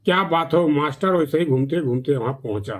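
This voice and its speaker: A man's voice: on the high side, fairly quick. A man telling a folk tale with a moral, in a plain, earnest way. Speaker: storyteller.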